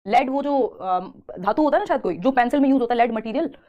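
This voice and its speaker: A woman's voice: fairly high pitch, expressive, quick pace, highs cut off. A woman teacher with an Indian accent giving an exam-prep lecture, asking questions and answering them herself. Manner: explains in Hindi mixed with English terms, asks and answers her own questions.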